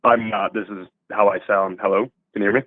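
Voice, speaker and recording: A young man in his twenties calling in to a livestream, his voice run through a deep pitch-shifting voice changer, talking in an earnest, matter-of-fact way. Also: little pitch movement, fairly quick. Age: 20s. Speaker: caller. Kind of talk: call-in chat on a livestream. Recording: tinny dry phone line.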